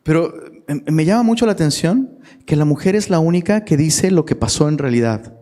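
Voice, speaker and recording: A man's voice: on the high side, lively intonation, brisk, dark tone. Chatty male pastor in a reverberant hall. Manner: slangy and chatty, often asks the audience questions. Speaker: youth pastor. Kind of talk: casual sermon to a live audience. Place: church hall.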